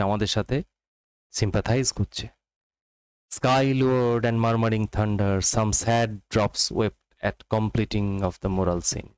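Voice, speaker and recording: Male tutor, Bengali accent, slow exam-prep lesson delivery, low voice. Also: a little mellow, smooth, dry recording, low-quality recording. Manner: reads quotations slowly, explains rapidly in Bengali mixed with English. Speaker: teacher.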